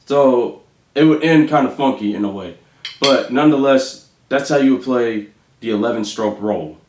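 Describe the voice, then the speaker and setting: A man gives a drum lesson in a loose, casual way. He counts beats out loud at an even middle pitch. The sound bounces around an echoey room. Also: background noise. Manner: casual, counts beats slowly, uses fillers. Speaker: drum instructor. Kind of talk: counting aloud while demonstrating rudiments.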